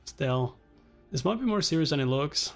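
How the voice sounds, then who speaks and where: Expressive and creaky-voiced, a man reads a webtoon aloud at normal speed for his reaction channel, theatrically acting out dialogue and captions with pitch changes between characters. Soft music plays underneath.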